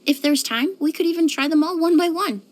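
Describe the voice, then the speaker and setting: A young woman voices a composed perfumer in a game, her high voice measured and courteous. The scripted lines come across softly formal, even-tempered, polite and curious.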